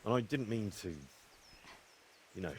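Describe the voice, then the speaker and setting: A man's voice: fairly low pitch, a little slow, a little mellow, slight background noise, natural voice. An actor playing a modest, good-natured, sheepish young man in a medieval video game.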